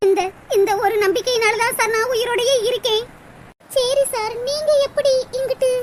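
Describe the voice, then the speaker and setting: A woman's voice: extremely high pitch, steady tone, moderate pace. A woman voicing a young, lovesick village woman in a cartoon, speaking in a pleading, sorrowful way with a southern Tamil Tirunelveli accent. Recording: loud background noise.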